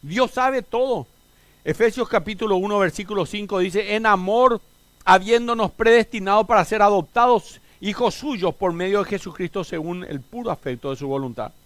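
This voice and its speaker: A middle-aged man with a Paraguayan Spanish accent preaching a sermon as pastor, swinging from emphatic rises to soft, low asides. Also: moderate pace, no room sound.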